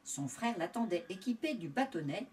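A woman reading a storybook aloud to young children, expressive and sing-song. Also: medium pitch, normal speed, distant mic, a little hiss or hum.

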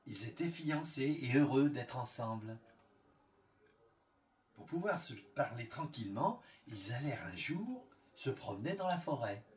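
A man reading a fairy tale aloud in a calm, measured storytelling manner. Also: mid-range voice. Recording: echoey room, far from the mic.

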